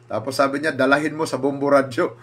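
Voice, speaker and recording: A man's voice: mid-range voice, fast, creaky, breathy edge. A man, a pastor, telling a personal story and acting out what others said. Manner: animated, acts out quoted speakers with raised voice.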